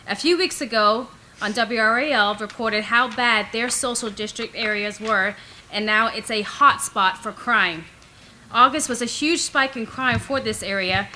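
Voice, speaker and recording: Bright, firm woman at a podium. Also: on the high side, slight background noise, poor audio. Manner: firm, insistent, uses rhetorical questions. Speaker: resident and ministry director giving public comment. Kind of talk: prepared public comment at a council meeting. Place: council meeting room.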